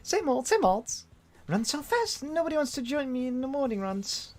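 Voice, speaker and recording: A man voicing a cheerful, teasing sporty teenage girl in a high falsetto. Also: big pitch swings, moderate pace.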